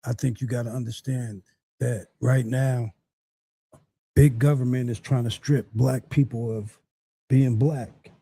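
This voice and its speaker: Husky, mellow-voiced male co-host. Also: mid-range voice, fairly even intonation, unhurried. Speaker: co-host of a live community talk show. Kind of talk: casual commentary.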